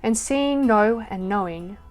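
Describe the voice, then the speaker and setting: A woman reads poetry aloud in a soft, unhurried voice of middling pitch. Her voice often drops away at the close of a line. Faint acoustic guitar plays quietly behind her. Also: expressive. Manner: slow, soft reading that trails off at line ends. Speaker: poetry reader. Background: soft acoustic guitar music.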